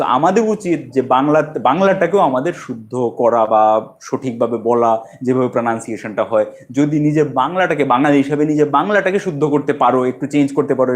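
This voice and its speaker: A man teaching a spoken English lesson, switching between Bengali and English and repeating slow example sentences for practice. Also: fairly high pitch.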